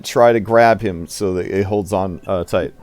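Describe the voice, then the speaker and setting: A man's voice: sits low, measured pace, a little mellow. A man playing a tabletop game, chatting casually and narrating what his character does.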